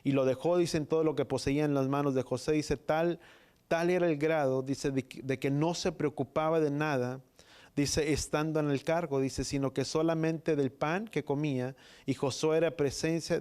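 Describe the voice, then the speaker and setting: A man preaching a sermon, reading scripture in halting phrases and repeating "dice" between them. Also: on the high side, dark tone. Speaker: pastor.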